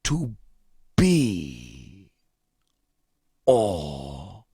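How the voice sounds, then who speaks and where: A pompous old ham actor. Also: male voice, low voice, huge pitch swings, drawn-out words, gravelly, warm tone, breathy edge, dry recording, clean studio sound, heavily acted. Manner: grandiose, theatrical, declaiming. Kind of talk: comedy radio sketch acting.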